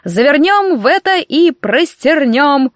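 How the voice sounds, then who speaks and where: A gloating enchanted raccoon from a storybook, voiced by a woman high and lofty. He declaims every line like a grand speech. The voice sounds close and dry. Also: animated, normal speed, fairly bright tone, no room sound. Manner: pompous, declaiming. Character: gleeful boastful enchanted male raccoon.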